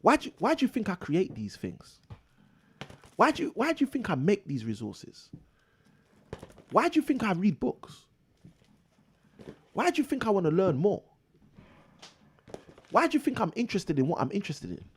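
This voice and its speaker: A man's voice: high voice, wildly swooping pitch, moderate pace, pauses often, a little hiss or hum. A man hosting a live property investing show, delivering a preachy motivational monologue that repeats phrases for emphasis.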